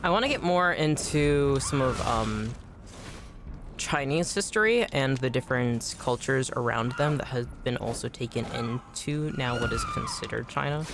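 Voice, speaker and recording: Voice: medium pitch, huge pitch swings, moderate pace. Game streamer just chatting and rambling, says really really a lot, noisy mix behind. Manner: rambling, chatty, repeats words for emphasis. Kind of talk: casual chat while gaming.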